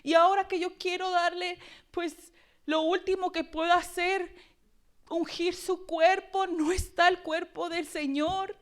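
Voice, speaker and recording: A woman's voice: on the high side, measured pace. A woman preacher voicing a grieving woman who weeps at an empty tomb, pleading and partly whispering. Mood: desperate grief.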